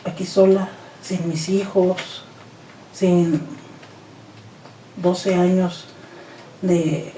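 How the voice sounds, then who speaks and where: Mellow Mexican woman telling her story. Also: on the low side, drawn-out words, pauses often. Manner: animated retelling, acts out quoted dialogue. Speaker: interview guest. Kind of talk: personal testimony storytelling. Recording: roomy echo, distant mic, faint noise.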